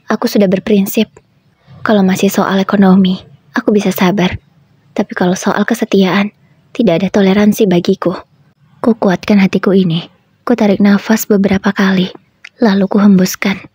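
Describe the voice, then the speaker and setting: A woman with a husky voice narrating a first-person story in a plain, steady way. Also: mid-range voice, no room sound.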